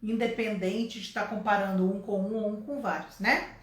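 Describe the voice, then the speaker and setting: A woman's voice: medium pitch, steady tone, normal speed, echoey room. A woman from Brazil teaching a casual online English lesson, explaining step by step and checking in with her listeners often.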